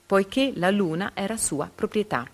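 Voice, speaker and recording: A woman reading reading-comprehension quiz questions and answer options aloud, pausing carefully after each letter. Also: mid-range voice, lively intonation.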